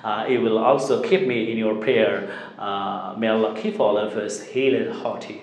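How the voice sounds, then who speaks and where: A man's voice: lowish voice, very slow. Man teaching English, echoey. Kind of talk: spoken English lesson. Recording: echoey room.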